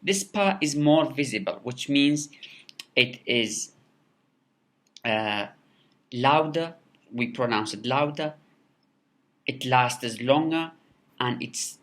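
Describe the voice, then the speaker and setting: A man's voice: medium pitch, lively intonation, takes it slowly, long pauses. Hesitant man lecturing to students. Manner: hesitant, many fillers and repeated words; stresses key words louder when explaining. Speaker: university lecturer. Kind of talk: online recorded lecture.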